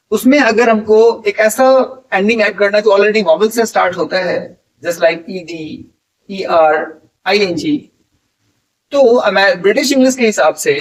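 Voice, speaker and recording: Man, high voice, patient tutor, spells words letter by letter, mic a little far off. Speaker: English teacher. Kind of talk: explaining spelling rules. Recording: voice a bit distant from the mic.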